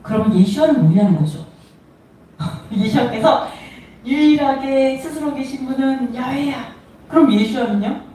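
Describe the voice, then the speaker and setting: A woman preaches with a lively, laughing delivery and acts out the voices in her stories. Her tone is mellow and rather high. She sounds far from the mic in a very echoey room, with faint noise behind her. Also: measured pace. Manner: animated, laughing, acts out quoted dialogue. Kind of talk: sermon.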